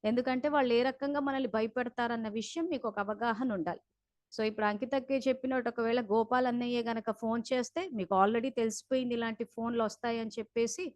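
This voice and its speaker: A high-pitched woman leads a spiritual class over a video call. She speaks in an earnest, instructive way as she recounts heated phone calls. The sound is close and dry, with no room echo. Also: steady tone, quick pace, a little mellow.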